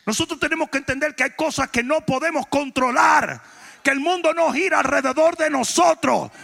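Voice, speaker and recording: A man, a pastor, preaching a sermon, often shouting his points and joking with the congregation. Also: very high voice, vocal fry, big-room sound. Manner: preaching with shouted emphatic lines and joking asides.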